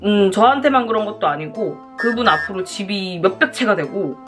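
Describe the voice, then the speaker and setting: A woman's voice: mid-range voice, animated, normal speed, over music. A woman chatting casually to viewers as a mukbang host, talking between bites while she eats.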